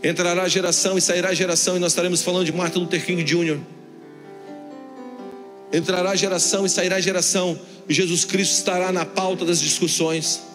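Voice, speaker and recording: A man preaching a sermon in Brazilian Portuguese, telling a story and acting out the dialogue in an animated way. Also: sits high, brisk. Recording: long hall reverb with soft music behind.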